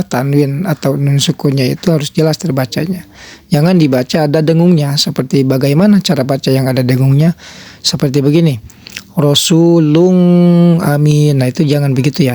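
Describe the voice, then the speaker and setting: A man's voice: on the high side, a little mellow, dry recording. Patient man teaching tajwid in a dry voice-over. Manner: patient, explanatory, drawn-out sample recitations. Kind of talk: recorded tajwid lesson for beginners.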